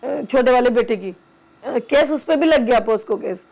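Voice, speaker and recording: A middle-aged woman speaking haltingly, with many pauses, about her family as a mother. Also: fairly high pitch, a little mellow. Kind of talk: emotional personal testimony.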